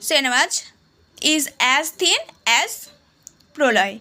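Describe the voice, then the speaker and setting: A woman teacher with a Bengali accent explaining an English lesson, reading English sentences slowly and then explaining them casually. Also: high-pitched, sing-song, bright, forceful tone.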